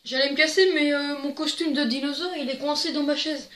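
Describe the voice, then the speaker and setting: A woman's voice: high-pitched, steady tone, fairly quick, a bit bright. A young woman casually reading jokes to camera, giggly and rambling with crude asides, on a desk microphone. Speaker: joke-telling video host. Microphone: plugged-in desk microphone. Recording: echoey room.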